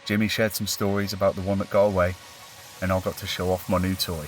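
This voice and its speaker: A man narrating the outro of his fishing vlog in an upbeat, relaxed voice-over. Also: low voice, quick pace, slight background noise. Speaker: fishing vlogger.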